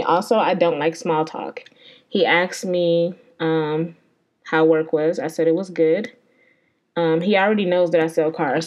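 A woman's voice: fairly low pitch, darkish tone. A woman hosting a podcast, telling a story in a rambling, profane, exasperated way. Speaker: podcast host. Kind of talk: casual storytelling.

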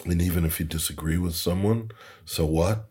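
Man, very low voice, husky, podcast guest, chatty storyteller, chuckles now and then. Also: normal speed, a little mellow. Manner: chatty, chuckles, repeats words while searching. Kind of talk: anecdotal storytelling. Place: Toronto.

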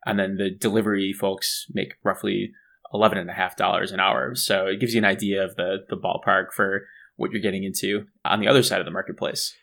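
A man co-hosts a casual explainer podcast, his voice sitting fairly low. He talks in a loose, chatty way, restarting sentences and adding asides as he walks through the facts. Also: little pitch movement, brisk, vocal fry, fairly bright tone. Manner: chatty, restarts and fillers, laughs at own jokes. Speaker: co-host.

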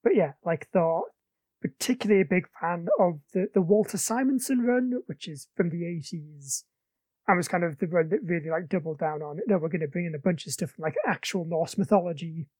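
A woman's voice: on the low side, fairly quick, a little mellow, slightly rough, dry recording. A woman co-hosting a casual podcast chat about films, talking eagerly about comics. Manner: enthusiastic comics fan, chatty. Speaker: podcast co-host. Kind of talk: casual film review chat.

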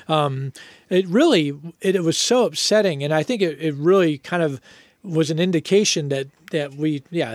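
Middle-aged guy, kinda high voice, telling stories, laughing a lot, dry close sound. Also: dry recording. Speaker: band member telling stories. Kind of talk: casual conversational storytelling.

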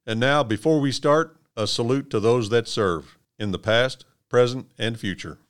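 A man from Kentucky hosting a scripted interview podcast in a measured, encouraging way. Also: mid-range voice, smooth. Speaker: podcast host.

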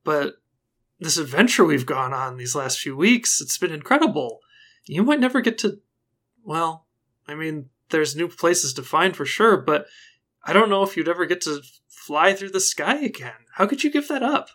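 A player voicing an excitable, earnest young woman adventurer who rambles with lots of fillers and giggles. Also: mid-range voice, normal speed.

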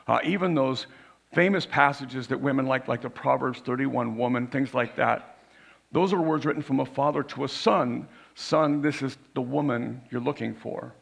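A man preaching a sermon as a pastor, raspy and hoarse from losing his voice, explaining informally and often checking in with "right?". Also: medium pitch, a bit bright.

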